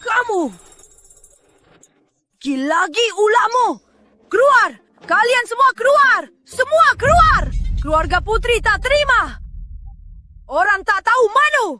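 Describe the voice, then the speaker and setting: A woman's voice: very high-pitched, lively intonation, unhurried, pauses often, heavily acted. An actress dubbing a furious, scolding middle-aged mother in a short drama. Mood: yelling. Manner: scolding, shouting. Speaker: mother of the heroine. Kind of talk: dubbed short drama acting.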